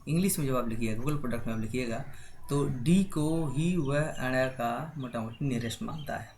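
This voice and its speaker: A man's voice: medium pitch, normal speed, darkish tone, slight background noise. A man giving a spoken lesson to students, spelling words out letter by letter and often checking in with a rising "right?". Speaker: teacher.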